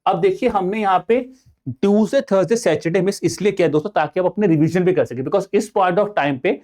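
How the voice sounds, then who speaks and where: A man's voice: sits high, brisk, a little mellow. A young adult man with an Indian accent teaching an online exam-prep lesson, mixing in English words and firing rhetorical questions at his students. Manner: addresses viewers as friends, Hindi-English mix, rhetorical questions. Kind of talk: online lecture.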